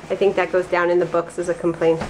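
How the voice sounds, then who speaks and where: A woman's voice: fairly low pitch, level tone, fast, darkish tone. A woman, a mother filming a family home vlog, talking openly and emotionally. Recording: noisy home camera audio.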